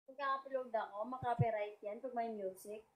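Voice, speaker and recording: A woman's voice: fairly high pitch, moderate pace. A woman, filming at home and insistently repeating herself to her husband. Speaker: wife filming the video. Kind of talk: casual bickering banter.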